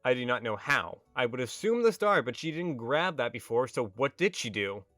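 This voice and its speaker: A man's voice: mid-range voice, sing-song, moderate pace, fairly bright tone, no room sound, faint music behind. A man giving a comedic, scripted movie review as a voice-over, sarcastic and exasperated, often ranting. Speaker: video reviewer.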